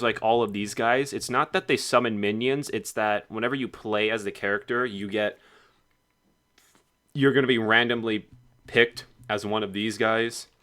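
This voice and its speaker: A man's voice: fairly low pitch, a bit bright, smooth. A man casually narrating a game devlog in a rambling, offhand way. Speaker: game developer.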